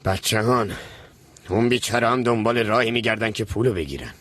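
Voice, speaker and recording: An actor playing a scheming, desperate uncle in debt who rambles and pushes others, in a dubbed TV drama. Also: male voice, fairly low pitch, a bit bright. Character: scheming, desperate middle-aged man. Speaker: uncle in debt chasing an inheritance.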